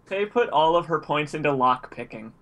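A man with a bright, forceful voice and a lively pitch, joking with friends as they play. His talk wanders into rambling asides. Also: moderate pace, low-quality recording. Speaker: friend in a group game stream. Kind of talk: casual gaming chat.

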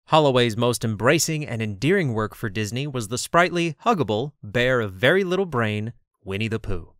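A man giving scripted documentary narration in a lively, expressive read. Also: medium pitch, moderate pace.

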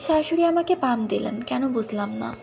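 A woman's voice: a little high, lively intonation, moderate pace, vocal fry, a little mellow, faint music behind. A woman narrating a story in the first person, reading in a plain conversational way. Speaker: audiobook narrator.

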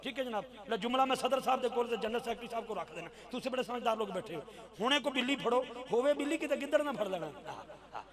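A man giving an impassioned devotional address to a gathering, moving between soft storytelling and loud, shouted chanting. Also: extremely high pitch, animated, racing. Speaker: devotional speaker at a religious gathering. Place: live religious gathering with an audience. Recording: live event with crowd noise.

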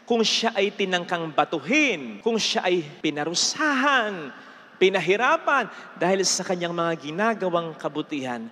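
A young Filipino priest giving an animated homily on a handheld mic in a large church, mixing English phrases in and slowing down to stress key lines. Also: male voice, high voice, long reverb tail, a little hiss or hum. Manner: animated, gesturing with raised arm. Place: large church sanctuary before an altar.

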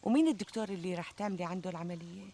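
An actress playing a flattering, reassuring middle-aged Syrian friend who talks emphatically in a TV comedy. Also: female voice, lowish voice, rapid-fire, close to an everyday voice. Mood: concerned. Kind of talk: conversational TV comedy sketch acting. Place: outdoors in a garden. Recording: outdoor ambience, trickling water noise.

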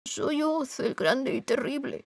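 A woman's voice: mid-range voice, normal speed, darkish tone, no echo, natural voice. A woman voicing a timid aging little man who poses as a great wizard, speaking meekly and shakily in an audiobook. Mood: frightened. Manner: shaky, meek.

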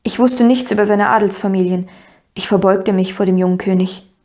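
A woman narrating a first-person audiobook in an even storytelling manner. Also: mid-range voice, fairly quick.

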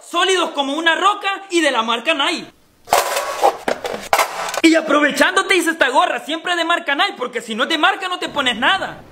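A man performing quick comedy skits in a very high voice. His delivery sounds eager and childlike. Loud noise runs underneath his voice. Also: expressive.

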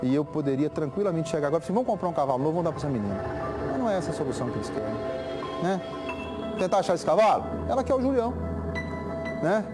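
A man in his forties with a Minas Gerais Brazilian accent, giving emphatic, colloquial commentary as a TV host. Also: high-pitched. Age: 40s. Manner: emphatic, colloquial, appealing to viewers. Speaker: TV news show host. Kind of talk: informal opinionated studio commentary. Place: TV studio. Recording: studio broadcast with loud background music.

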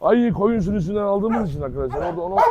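Loud, teasing high-voiced man in a dog yard. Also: sing-song, very fast, gravelly, dull audio, very noisy. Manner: loud, teasing, coaxes dogs with pet names. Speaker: dog channel host. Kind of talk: casual vlog to viewers. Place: outdoor yard with dogs.

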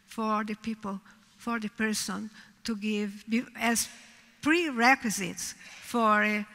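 An older woman with a Brazilian Portuguese accent gives a measured keynote lecture at a podium microphone, her line ends trailing off softly. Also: medium pitch, creaky. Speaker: keynote speaker. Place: large lecture hall. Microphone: podium microphone on a stand. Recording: reverberant hall, heard from a distance.

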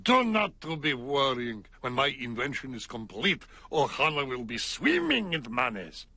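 A bulky alien mad scientist speaks broken grammar in a thick foreign-sounding voice. His pitch rolls up and down, and the sound is dry and close. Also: big pitch swings, normal speed, pushed and bright, dry recording, exaggerated voice. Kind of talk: cartoon voice acting.

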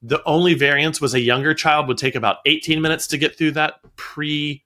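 A man on a podcast telling relaxed stories about teaching in his music studio, often wandering off topic and laughing. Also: a little high, fairly quick. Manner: storytelling, digresses and laughs. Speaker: guest, music studio owner. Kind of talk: casual podcast conversation.

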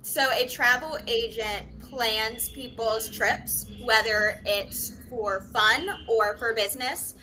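Young woman tutor, video call. Bright, higher-pitched voice, patient and friendly explanations, faint hiss behind. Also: steady tone, slow pace, few pauses, low-quality recording. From United States. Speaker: English tutor. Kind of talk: casual video-call chat. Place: small dim room indoors. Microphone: laptop webcam on a video call.

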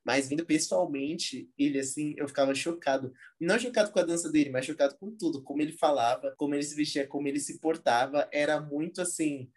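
A young man from Brazil with a Brazilian accent, a dancer telling stories as a guest in a casual interview, relaxed and slangy with many fillers. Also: a little high. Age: young adult. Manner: relaxed slangy talk full of fillers like "tipo" and "assim".

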